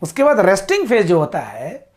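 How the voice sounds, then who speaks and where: In a whiteboard lecture, a woman teacher explains biology terms, drilling them slowly, repeating key words and saying "ठीक है" after each point to check understanding; she addresses students as "साथियों". Her mid-range voice is a little mellow, with huge pitch swings.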